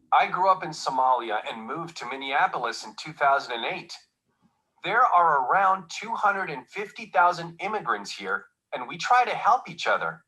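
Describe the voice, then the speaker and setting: A man's voice: on the high side, sharp tone, low-quality recording. A man playing a friendly adult man who praises his city, in a scripted textbook dialogue recording.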